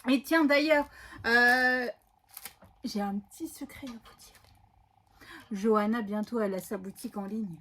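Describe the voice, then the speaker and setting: High-voiced chatty woman vlogger. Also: measured pace, long pauses, a bit bright. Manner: chatty, rambling, lots of hesitations. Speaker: scrapbooking vlogger. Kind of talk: casual haul video chat. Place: home craft room.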